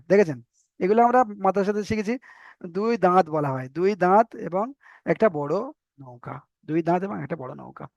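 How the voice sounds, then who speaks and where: A man with an Indian Bengali accent teaching an online Quran reading class, patient, repeating each letter slowly and drawing out the vowels. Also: sits high, a little mellow, no room sound, dull audio. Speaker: Arabic alphabet teacher.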